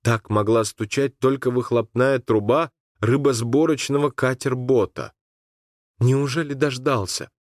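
A man narrating a literary story in an expressive audiobook reading. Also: mid-range voice, a little slow, no room sound, studio quality.

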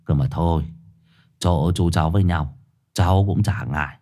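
Thầy Đạt, a man doing a gruff village exorcist. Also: low-pitched, normal speed, mellow, pitched below the performer's own voice, natural voice. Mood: mocking. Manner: coarse, mocking banter. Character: swaggering male village exorcist, gruff and teasing. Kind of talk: storytelling voice acting.

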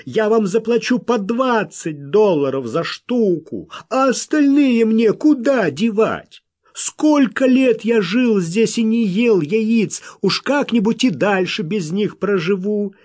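A hot-tempered miner bursts out in heated, pleading protests, as a man reads him aloud. The voice jumps well above the narrator's usual, loud and swinging wildly. Words come slow and drawn out in the big moments. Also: on the high side, big pitch swings, breathy edge, pitched above the performer's own voice, full character voice. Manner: explosive, pleading, blustering.

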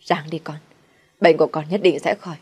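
A woman's voice: low-pitched, steady tone, brisk, warm tone, breathy edge. A woman voicing a harsh, scheming middle-aged mother-in-law who scolds and commands. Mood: pleading.

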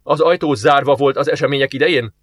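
A terse deputy commander barking orders at a computer in an audiobook, as a man voices him. He speaks in short, commanding lines with a mid-range pitch, a bit higher than the narration. The sound is close and dry. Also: a bit bright, dry recording, natural voice. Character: eager male deputy commander investigating a murder.

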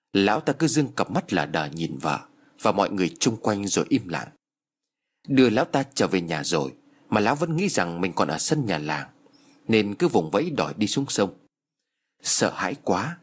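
A man narrating a dramatic story in an expressive, dramatic style. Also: lowish voice, husky.

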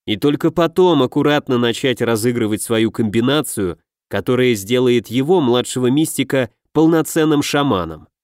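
A man's voice: medium pitch, expressive, moderate pace, few pauses, darkish tone, no echo, clean studio sound. Man narrating a fantasy audiobook.

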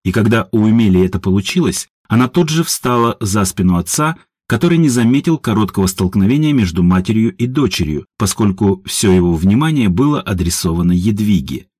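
A man narrating an audiobook in an expressive, animated reading voice. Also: on the low side, a little fast, few pauses, slightly rough, dry recording, clean studio sound.

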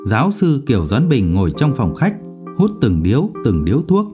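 A man narrating a novel as an audiobook in an expressive storytelling manner. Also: mid-range voice, moderate pace, over loud music.

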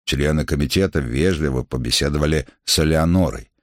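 A man narrating a historical novel as an audiobook, in a measured literary reading. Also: extremely low pitch, dry recording, clean studio sound. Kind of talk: scripted narration.

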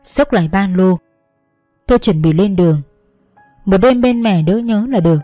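A woman narrating an emotional first-person story in a slow, gentle, measured reading. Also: medium pitch, dry recording. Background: faint background music.

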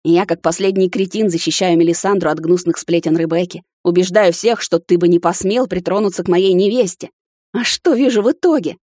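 A woman's voice: lowish voice, a little fast, mellow, no echo, clean studio sound, lightly acted. A woman voicing a huge, jealous male captain who growls his threats. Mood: angry.

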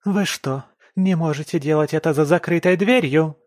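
A man playing a shrill furious young woman. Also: drawn-out words, sharp tone, dry recording, clean studio sound, exaggerated voice. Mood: furious shouting. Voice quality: shrill, screaming.

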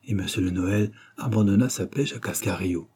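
A man narrating a novel as an audiobook in a measured, steady reading. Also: on the low side, slightly rough.

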